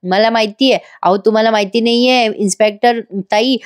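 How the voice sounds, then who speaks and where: A woman's voice: on the high side, steady tone, fairly quick, no room sound, clean studio sound, natural voice. Woman reading the part of a scornful accusing mother. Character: harsh suspicious mother, adult woman.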